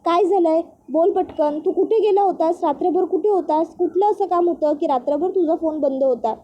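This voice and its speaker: A woman's voice: very high voice, moderate pace, lo-fi sound. A woman reading out an agitated young husband. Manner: urgent, questioning. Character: agitated young husband pressing his brother for answers.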